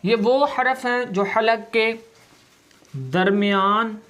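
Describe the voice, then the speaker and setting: A male recitation teacher talks through his lesson at an unhurried, measured pace. He has a rather high voice and lingers on each sound so learners can copy it. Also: a bit bright. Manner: slow, deliberate, drawing out each sound to demonstrate it. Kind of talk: step-by-step lesson.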